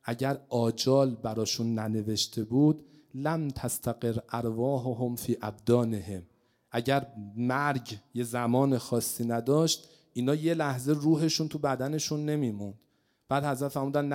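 Preacher, storytelling sermon, slow Arabic recitation, swings loud to hushed. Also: male voice, mid-range voice. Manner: recites Arabic slowly, then explains in Persian; dramatic swings between loud and hushed delivery. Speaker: religious speaker.

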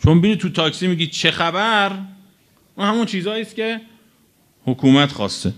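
A man preaching a religious sermon to a live audience, stretching out key phrases for emphasis and then rushing through quick asides. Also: sits high. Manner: animated, swinging between drawn-out emphasis and quick asides.

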